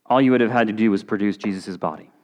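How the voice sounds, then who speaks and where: A man's voice: lowish voice, fast, darkish tone, muffled recording. A man preaching a conversational sermon, now and then acting out short quotes. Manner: conversational, with brief acted-out quotes. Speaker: pastor.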